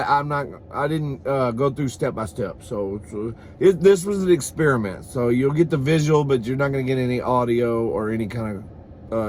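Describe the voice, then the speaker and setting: Here a man of medium pitch, with slight background noise, eats while chatting to the camera as host of a comedy mukbang vlog. He's campy and sassy, addresses viewers as "girl" and "honey," and keeps it bawdy, cursing freely.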